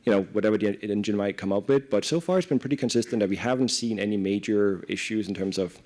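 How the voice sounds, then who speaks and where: On stage at a live event with an audience, a Danish-accented corporate director from Denmark answers panel interview questions conversationally, explaining informally and often adding "right?". His voice is on the low side and a little mellow, and he talks fast.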